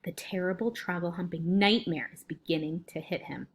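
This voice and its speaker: A woman voicing a kindly, cautious male giant in a storybook, speaking in a hushed, confiding way with muddled grammar. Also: on the low side, normal speed, lightly acted. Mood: hushed caution. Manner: hushed, whispered, secretive explaining. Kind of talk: storybook read-aloud.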